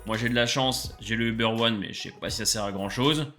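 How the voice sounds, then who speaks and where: A man's voice: medium pitch, fairly quick, sharp tone, soft background music. A young man hosting a casual food review vlog, enthusiastic and full of hesitant fillers. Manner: enthusiastic, many filler "euh"s. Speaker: food vlogger.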